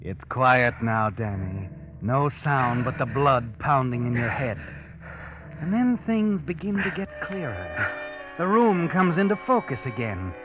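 A man narrating a 1940s radio drama in the second person, brooding and measured. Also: mid-range voice, sing-song. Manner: brooding, measured, addresses the hero as you. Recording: dull old radio broadcast with music.

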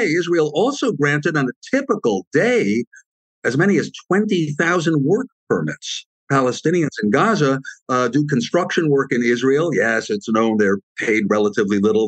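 A man giving long, measured answers as an expert guest, adding frequent asides as he explains. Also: on the high side, a bit bright, no echo, rough recording.

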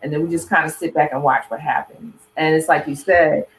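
A host in casual conversation, explaining points in a measured way. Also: medium pitch, steady tone, slight background noise, rough recording.

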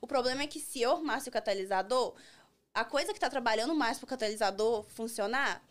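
Young brazilian woman, high voice, talks super fast, telling a story on a podcast and doing everyone's lines. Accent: Brazilian Portuguese. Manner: animated storyteller, acts out other people's lines. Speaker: podcast guest. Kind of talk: casual chat, telling an anecdote.

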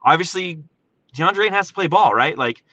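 An American man hosting a casual live sports commentary from inside his parked truck, talking in an animated, informal, emphatic way. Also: a little high, fairly quick, muffled recording. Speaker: sports podcast host. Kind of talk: excited solo sports commentary, casual livestream.

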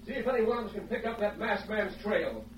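A man's voice: on the high side, lively intonation, normal speed, natural voice. A man playing an authoritative Wild West sheriff, folksy and barking orders in old radio drama style. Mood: determined. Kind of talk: old-time radio western acting. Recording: dull old radio recording with hiss.

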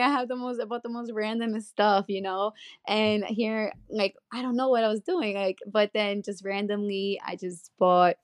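A woman's voice: medium pitch, clean tone, dry recording, clean studio sound. A young woman, a podcast guest, telling stories in casual chat with many fillers. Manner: chatty storytelling with many fillers.

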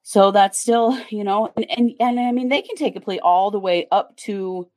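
A woman's voice: medium pitch, normal speed, darkish tone. A woman co-hosting a casual livestream chat, laughing often and reading viewer comments aloud. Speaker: true crime channel co-host.

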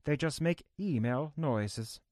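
Man doing a robot voice, friendly male robot, stiff computer-like delivery, a bit high. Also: animated, takes it slowly, a little mellow, no room sound, studio quality. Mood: deadpan. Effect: robot voice done by mouth, no filter. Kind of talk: podcast chat, showing a funny voice.

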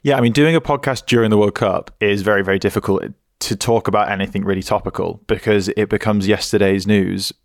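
A young man co-hosting a football podcast, talking in a measured, hedging way. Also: lowish voice, fairly even intonation, no room sound, clean studio sound. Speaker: podcast co-host. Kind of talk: casual chat.

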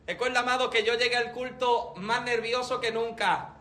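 A man's voice: very high voice, moderate pace, roomy sound, background noise. A man preaching a sermon, telling a personal story and calling out to the congregation. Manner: animated storytelling, often calls out to the congregation.

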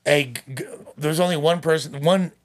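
A man's voice: fairly high pitch, steady tone, normal speed. A man talking casually and candidly as a podcast guest, in emphatic bro-like hype with street slang and frequent swearing.

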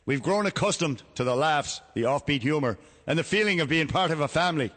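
Man doing a bawdy cardinal, high bright voice, mock-pious, insult-slinging radio comedy bit. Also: animated, a little fast. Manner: mock-pious, insulting, booming brogue with a catchphrase. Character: crude, irreverent older male Irish cardinal.

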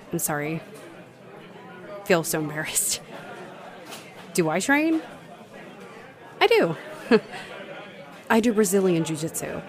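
A young woman voicing a bubbly female bartender who is a starstruck fight fan, gushing, apologizing and laughing nervously. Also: on the low side. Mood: starstruck, flustered. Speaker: roleplay voice performer. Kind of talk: audio roleplay acting.

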